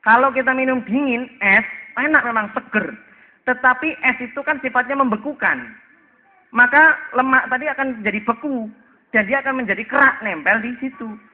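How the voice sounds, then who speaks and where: Javanese guy preaching, jokes around, does little skits, high voice. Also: moderate pace. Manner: joking, acts out dialogues. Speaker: Islamic preacher. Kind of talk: casual sermon. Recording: tinny phone-like lo-fi audio.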